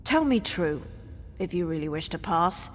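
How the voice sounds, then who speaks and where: An actress with a lowish voice plays a solemn, ancient female spirit guardian, ceremonially reciting cryptic riddles in theatrical fantasy game dialogue. She's animated but lightly acted, at normal speed, with cavernous long reverb and background noise around her.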